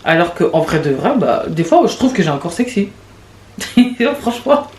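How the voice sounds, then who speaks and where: A woman in her late twenties hosting a podcast, talking in a rambling, confessional way with quick restarts and laughs. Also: on the low side, sing-song, a little mellow. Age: late 20s. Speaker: podcast host. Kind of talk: casual confessional monologue. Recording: echoey room with faint background noise.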